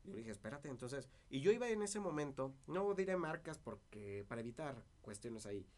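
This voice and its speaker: A man's voice: mid-range voice, lively intonation, moderate pace, darkish tone. Dry-voiced man. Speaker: interview guest, party politician. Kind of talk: casual interview conversation.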